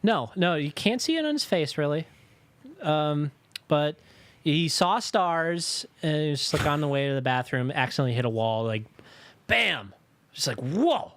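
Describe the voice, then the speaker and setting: A man's voice: moderate pace, no echo. A young man co-hosting a podcast, telling stories in casual chat, swearing and jumping into put-on voices. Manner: animated storyteller, swears, jumps into high put-on voices. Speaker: podcast co-host.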